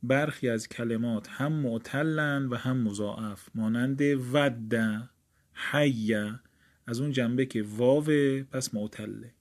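A man teaching grammar from a textbook. He reads passages aloud and then explains them in casual speech. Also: mid-range voice.

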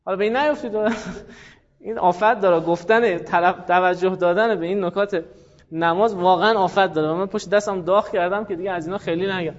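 A man's voice: high-pitched, fairly even intonation, in a large hall, dull audio. A man teaching a class, explaining step by step and putting questions to his students. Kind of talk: classroom lecture.

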